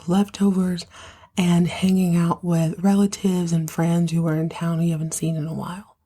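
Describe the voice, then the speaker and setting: A woman in her thirties from the United States hosts a podcast recapping soap operas. Having partly lost her voice, she speaks in a hushed, half-whispered way, low and husky.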